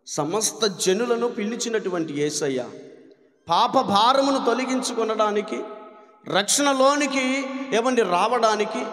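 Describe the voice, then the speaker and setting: Pastor, male, Telugu accent, high voice, fervent sermon delivery, roomy hall sound. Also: a bit bright. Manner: fervent preaching with call-and-response hallelujahs. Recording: echoey hall with long reverb.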